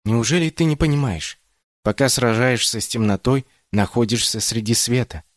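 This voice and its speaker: A man's voice: medium pitch, normal speed, no echo, studio quality, close to an everyday voice. A man doing Mama Rila, a loving stern storyteller. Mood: tender. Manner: tender, pleading, then proudly stern.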